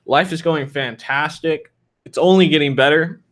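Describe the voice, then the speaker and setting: A man's voice: fairly high pitch, moderate pace, a bit bright. A man in his thirties answering viewer questions in a loose, frank, rambling way with lots of fillers. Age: 30s. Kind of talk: casual livestream Q&A.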